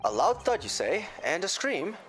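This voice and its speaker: A man's voice: high voice, sing-song, normal speed, fairly bright tone, soft background music, voice pushed up. A man voicing a flustered, earnest young defense lawyer in a courtroom game, somewhat hesitant. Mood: flustered, questioning. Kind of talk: voiced reading of game dialogue.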